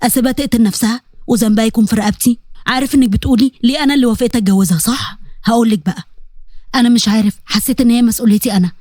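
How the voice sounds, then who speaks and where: Casting: a woman doing a pleading young man, Egyptian accent, soft earnest tone, fast dry read. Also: fairly high pitch, no room sound, lightly acted. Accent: Egyptian Arabic.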